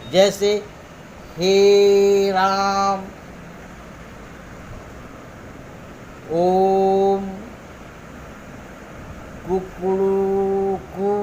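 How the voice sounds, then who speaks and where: Slow, lively-voiced male grammar teacher. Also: high voice, a little hiss or hum. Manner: slow, deliberate explanation with drawn-out example sounds. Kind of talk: classroom lesson.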